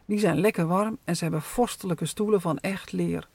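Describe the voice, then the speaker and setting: Brief: kindly upbeat old grandpa in a read-aloud story, slightly raised and louder, as a narrator puts him on, close dry mic. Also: mid-range voice, normal speed, creaky, no room sound. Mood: cheerful. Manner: cheerful, encouraging.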